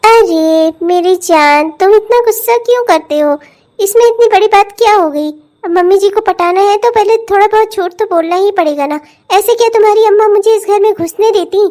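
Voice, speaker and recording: A scheming young cartoon bride with a very high voice. She wheedles and teases her husband with cheeky confidence. Playful animated comedy. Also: moderate pace. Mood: wheedling. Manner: wheedling, cheeky, self-assured. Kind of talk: cartoon voice acting.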